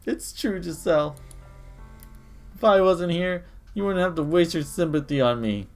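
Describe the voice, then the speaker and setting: A man's voice: on the high side, moderate pace, faint music behind, pitched above the performer's own voice, lightly acted. A man reading a sad, anxious teenage girl's lines aloud from a visual novel, in a raised, pleading voice. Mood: tearful. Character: sad anxious teenage girl, shy and self-doubting.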